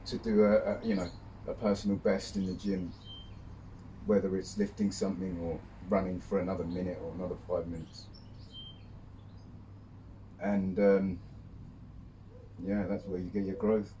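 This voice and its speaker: A man speaking reflectively to camera while sitting in ice cold water outdoors, in a measured way with pauses. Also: sits low, little pitch movement, warm tone. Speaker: vlogger. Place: outdoors, birdsong behind. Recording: distant mic, faint outdoor noise.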